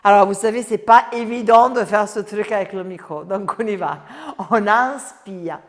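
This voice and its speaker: Her medium-pitched voice moves at a moderate pace as this Italian-accented Pilates instructor guides the class through breathing cues and jokes with those watching. She keeps things chatty and encouraging. The lapel mic in her clothing records a long reverb tail.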